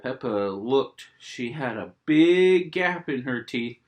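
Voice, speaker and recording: A man's voice: medium pitch, expressive, slow. A man reading a children's storybook aloud expressively, with simple asides for young listeners.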